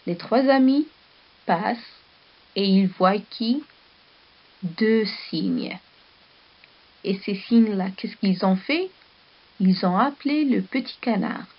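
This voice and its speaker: Slow, patient woman teacher, lo-fi sound. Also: medium pitch, very animated, husky. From Morocco. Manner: slow, patient, asks questions and praises answers. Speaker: primary school teacher. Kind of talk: slow classroom lesson and storybook reading. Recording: dull lo-fi recording.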